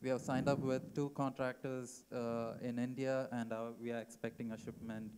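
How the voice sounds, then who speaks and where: A man's voice: medium pitch, level tone, moderate pace, darkish tone, slight background noise. A man co-founder presenting his startup's progress, hesitant and full of fillers. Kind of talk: pitch presentation.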